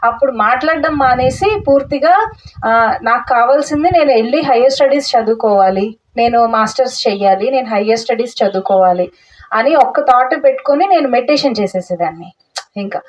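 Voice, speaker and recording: A woman's voice: on the high side, expressive, a little fast. A young woman telling her own story at a meditation talk, earnest and full of restarts, mixing in English words. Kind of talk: personal testimony talk. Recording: dull audio from a distance.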